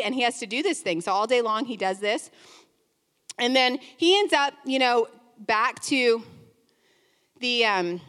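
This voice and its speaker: A woman preacher retelling a Bible story in a sermon, lively, with chatty asides. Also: fairly high pitch. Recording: long hall reverb.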